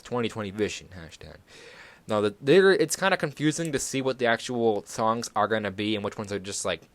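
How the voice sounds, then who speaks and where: A man's voice: lowish voice, fairly bright tone, dry recording. A young man hosting a casual solo podcast, rambling through music news with many fillers and self-corrections. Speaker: podcast host.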